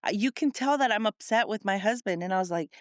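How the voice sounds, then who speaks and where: A woman's voice: medium pitch, dry recording. Woman, young adult, podcast co-host, casual faith chat, joking, dry close sound. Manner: joking, storytelling, quick to laugh.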